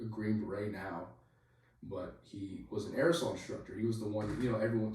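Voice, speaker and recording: A soldier telling a story on a podcast in a rambling, casual way, leaning on "like" and swearing freely. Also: male voice, on the low side, a little mellow. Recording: very echoey room, voice far from mic.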